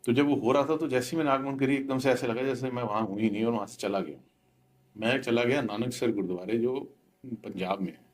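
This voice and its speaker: A man's voice: medium pitch, fairly quick. A middle-aged man, earnestly telling a devotional story and mixing in English words. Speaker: devotee sharing his experience. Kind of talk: spoken devotional testimony.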